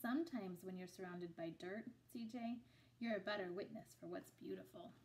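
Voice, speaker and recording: A woman's voice: medium pitch, normal speed, close to an everyday voice, rough recording. Woman playing a folksy, firm storybook grandmother. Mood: firm, encouraging. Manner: folksy, gently chiding. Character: wise, firm, upbeat grandmother.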